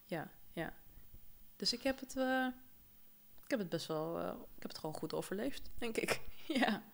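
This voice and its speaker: A young woman from Suriname, co-hosting a podcast and telling lively stories about her childhood, often laughing and acting out the voices of people she quotes. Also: mid-range voice, moderate pace, creaky. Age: young adult. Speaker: podcast co-host. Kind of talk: casual chat.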